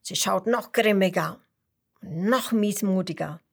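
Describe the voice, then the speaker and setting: A woman narrating a children's story at a very unhurried pace, in a voice pitched in the middle of the female range. She speaks directly to her young listeners and at times slips into a soft whisper. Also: creaky. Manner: slow, soothing, addresses listeners directly, sometimes drops to a whisper.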